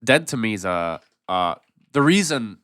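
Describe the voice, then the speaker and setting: A man's voice: fairly low pitch, very animated, a little slow, a bit bright, no room sound, clean studio sound. A man co-hosting a podcast, talking in an easygoing, chuckling way with lots of fillers. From Wisconsin. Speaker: podcast co-host, band songwriter. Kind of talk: casual chat.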